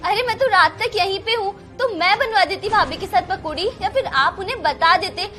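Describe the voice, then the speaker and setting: A young woman playing a married daughter who pleads and reasons gently with her mother in a family drama. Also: very high-pitched, moderate pace. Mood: pleading. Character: married daughter defending her sister-in-law.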